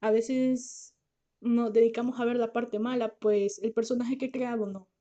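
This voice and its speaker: This podcast host, a lawyer and author, has a fairly high yet dark-toned voice, steady and unhurried. She's tired, finds speaking hard and struggles with her R, but talks casually and earnestly, reassuring her listeners directly.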